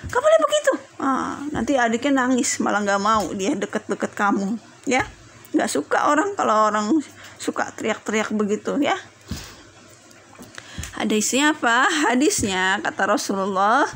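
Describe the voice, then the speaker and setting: A fairly high-pitched woman teaches a religious lesson to small children. She tells the story gently and keeps checking in with her young listeners. Now and then she slips into little voices for the people in the story. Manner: acts out quoted voices in the story. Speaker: primary school teacher.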